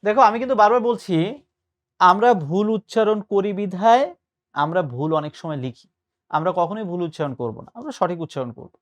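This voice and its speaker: A man's voice: high voice, brisk. A male tutor giving a patient spoken lesson, explaining and mixing in English words. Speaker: admission test tutor.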